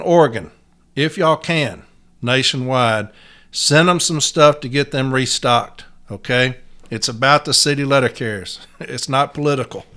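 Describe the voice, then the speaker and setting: A man with a slightly high-pitched voice delivers an impassioned podcast rant. He talks in a gruff tough-love manner, blunt and plain-spoken, and swears freely. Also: fairly bright tone. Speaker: podcast host, union letter carrier.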